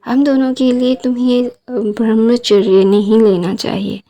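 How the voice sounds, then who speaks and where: A woman voicing a worried middle-aged mother who speaks slowly and seriously. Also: a little high, flat delivery, warm tone.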